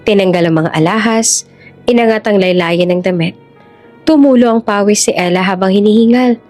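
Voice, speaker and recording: Female storyteller, even and measured, scripted narration, mid-pitched, faint music bed.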